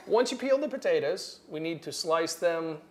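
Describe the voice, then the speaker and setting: A man's voice: on the high side, expressive, normal speed, a little hiss or hum. A middle-aged man hosting a cooking show in a home kitchen, upbeat and joking, repeating his guest's steps back to her. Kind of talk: casual on-camera cooking chat.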